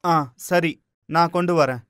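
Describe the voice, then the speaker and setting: A man's voice: fairly high pitch, fairly even intonation, takes it slowly, a bit bright, a little hiss or hum. A man voicing a patient young husband who coaxes and grows baffled. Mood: coaxing. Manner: mild, coaxing, exasperated.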